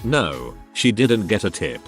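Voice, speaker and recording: Low, lively man reading stories aloud. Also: a little slow, faint music behind. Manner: steady read-aloud storytelling. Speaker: narrator.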